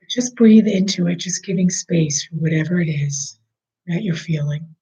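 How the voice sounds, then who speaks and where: Speaking gently at a mid-range pitch, sometimes close to a whisper, a guide takes listeners through a slow, relaxing breathing meditation. The sound quality is lo-fi.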